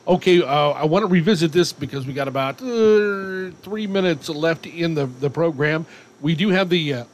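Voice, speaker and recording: Radio host, male, higher-pitched voice; folksy, enthusiastic interview chat with noise behind him. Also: moderate pace. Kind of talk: casual on-air interview chat. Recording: clear background noise.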